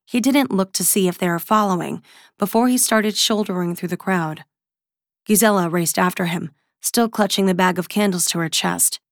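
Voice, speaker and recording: A woman reading a novel aloud in an even, measured narration. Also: lowish voice, dry recording, clean studio sound. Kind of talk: audiobook narration.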